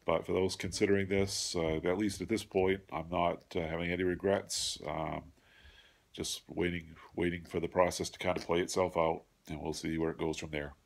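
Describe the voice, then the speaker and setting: Middle aged guy, super low voice, stuffed up nose, slow halting casual update into his phone at home. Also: flat delivery, gravelly. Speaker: vlogger giving a surgery recovery update. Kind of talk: casual video diary. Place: home room with a large window, indoors. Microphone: phone at arm's length.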